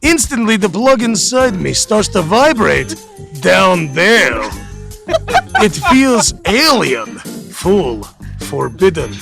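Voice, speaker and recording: A man reading a steamy romance novel aloud in a put-on Russian accent, slow, breathy and over the top. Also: high voice, sing-song, over music, full character voice. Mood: mock-sultry. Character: hammy male reader of a steamy romance novel.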